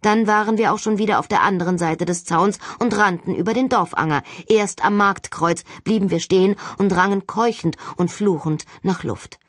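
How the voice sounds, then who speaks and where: A woman reading a first-person audiobook narration with an expressive, dramatic delivery. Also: medium pitch, moderate pace, hardly any pauses, dry recording, studio quality. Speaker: audiobook reader.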